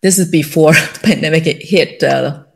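A middle-aged woman with a Taiwanese accent speaks in a deep, creaky voice at a moderate pace. She's a company founder appearing as a guest in a casual interview, telling her story with lots of fillers and light laughter.

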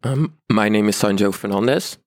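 A man's voice: lowish voice, moderate pace, no room sound, studio quality. A man, introducing himself informally on a podcast. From Rotterdam, Netherlands. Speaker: student panel guest.

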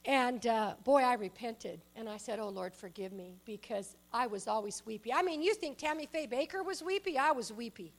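A middle-aged woman preaching a sermon, telling lively stories that swing from loud bursts to soft asides, laughing often. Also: a little high, moderate pace, hardly any pauses.

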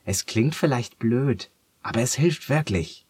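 A man with a husky voice voicing a cheerful, kind young girl who wears leg braces, in a storybook reading. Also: mid-range voice, animated, measured pace, dry recording, pitched above the performer's own voice. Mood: encouraging. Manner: bright, coaxing storybook girl voice.

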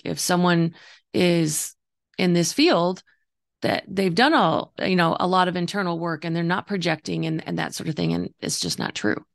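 A woman with a gravelly, slightly hoarse voice talking earnestly and reflectively as a coach hosting a solo podcast, explaining her views. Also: low-pitched. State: voice partly gone, slightly hoarse. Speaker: intuitive coach and podcast host.

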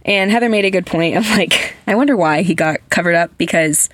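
A woman's voice: on the low side, brisk, fairly bright tone, dry recording. A woman hosting a podcast, telling stories in casual, gushing chat with lots of "like" fillers. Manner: chatty, heavy use of "like" fillers; earnest, gushing storyteller. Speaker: podcast host.

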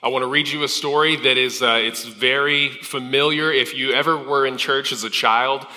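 A man's voice: medium pitch, fairly even intonation, moderate pace, pushed and bright. A male pastor preaching a sermon in a church sanctuary, conversational with fillers and restarts, heard with a long hall reverb.

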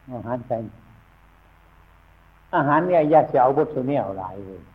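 A man speaking with an Isan Thai accent, a monk giving a rambling, folksy Dhamma talk to newly ordained monks, often pausing with thinking hums. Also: medium pitch, expressive, husky. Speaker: Buddhist monk teaching new monks. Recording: tinny phone-like recording.

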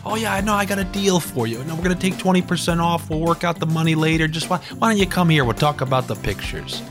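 A man's voice: a little high, over music, voice pushed up, lightly acted. A man putting on a smarmy sorority photographer. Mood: wheedling. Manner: wheedling, fast sales patter. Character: smarmy smooth-talking male sorority photographer.

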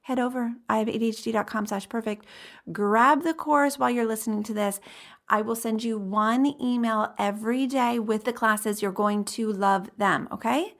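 A woman with a highish voice and a noticeably creaky edge. She talks like an encouraging life coach on her own podcast, upbeat, casual and addressed straight to the listener. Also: fairly even intonation, normal speed. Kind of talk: podcast intro and chatty direct address to listeners.

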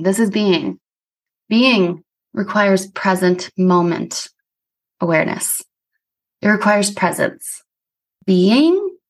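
Earnest woman podcast host, casual and reflective. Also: medium pitch. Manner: earnest, casual, frequent "like" fillers. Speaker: somato-emotional release practitioner. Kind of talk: reflective personal monologue.

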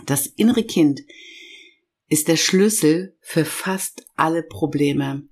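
A middle-aged woman, a podcast host and inner-child coach, speaks in a low voice made hoarse by a cold. Her self-help talk is warm and guided, slowly and emphatically listing feelings while addressing the listener directly.

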